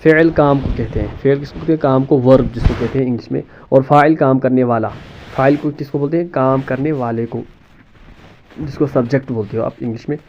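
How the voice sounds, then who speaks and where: A man's voice: mid-range voice, fairly even intonation, muffled recording, a little hiss or hum. A man teaching a grammar lesson, explaining terms step by step, asking questions and answering them himself, often repeating words and mixing in English terms. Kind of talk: classroom-style lesson explanation.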